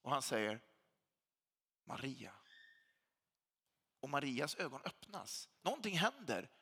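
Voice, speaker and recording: Lively-voiced man preaching in a reverberant hall. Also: on the high side, slightly rough. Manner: emphatic preacher, repeats phrases for weight. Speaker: pastor. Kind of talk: sermon.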